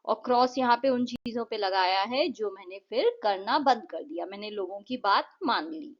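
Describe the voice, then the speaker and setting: A woman with an Indian accent and medium-pitched, animated voice teaches an English lesson, explaining a poem in simple, patient steps. She reads the English lines aloud slowly, and the sound is lo-fi.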